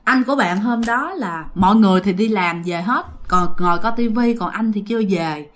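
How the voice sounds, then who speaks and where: With a mid-range voice at normal speed, a woman narrates a ghost story conversationally, addressing her audience directly.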